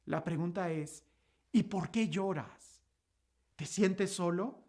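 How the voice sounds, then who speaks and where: A woman giving a sermon-style gospel reflection, asking repeated rhetorical questions and swinging between emphatic lines and hushed, soft ones. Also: lowish voice, slow pace.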